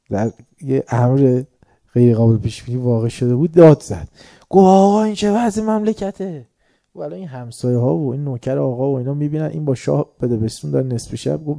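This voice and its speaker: Man with a very dark, dry voice. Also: mid-range voice, creaky, no echo. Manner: lively anecdotal telling, chuckling. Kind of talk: storytelling religious talk.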